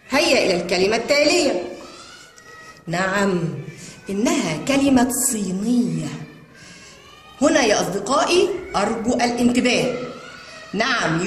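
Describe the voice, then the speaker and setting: A woman teaching young children to read, spelling out words in long drawn-out sounds. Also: a little high. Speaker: kindergarten Arabic teacher. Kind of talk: children's reading lesson. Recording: echoey room with long reverb and faint noise.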